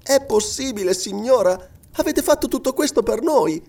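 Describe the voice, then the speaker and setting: A man's voice: extremely high pitch, animated, moderate pace, voice pushed up. A man voicing an anxious young girl who pleads tearfully for news of her father, in an audiobook. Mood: eager. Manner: tearful, imploring. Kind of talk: audiobook reading.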